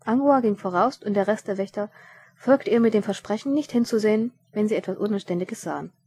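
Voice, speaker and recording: A woman's voice: medium pitch, brisk, dark tone, a little hiss or hum. A woman reading a story aloud and changing her voice for the characters. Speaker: narrator.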